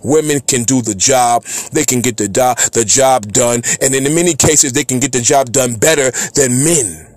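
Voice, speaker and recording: A man's voice: mid-range voice, moderate pace, few pauses, no echo. A man preaching a fiery rant, chanting lists in a rising singsong cadence.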